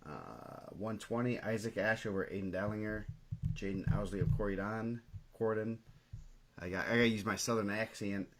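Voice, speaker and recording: A low-voiced man co-hosting a relaxed sports podcast. He reads off match results in a steady, list-like cadence and chats between them. There is faint background noise. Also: a little fast. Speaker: co-host of a wrestling podcast. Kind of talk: casual sports chat.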